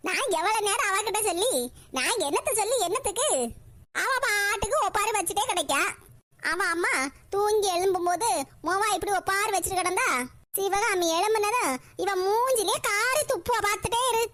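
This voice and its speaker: A woman voicing a gossipy, sharp-tongued old village grandmother in a cartoon, talking in a scolding, mocking way. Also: very high-pitched, normal speed. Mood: gossiping, scolding. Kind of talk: cartoon voice acting.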